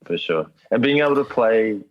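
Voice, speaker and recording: Man, New Zealand accent, deep voice, laid-back, matey, casual chat, muffled lo-fi recording. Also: expressive, moderate pace, no echo. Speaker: interview guest, musician. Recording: dull lo-fi call audio.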